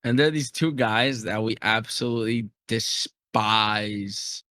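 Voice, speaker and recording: A man's voice: on the low side, unhurried, pushed and bright, no room sound, clean studio sound. A young man co-hosting a podcast in casual chat, laid-back and slangy, tossing in "bro" often. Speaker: podcast co-host.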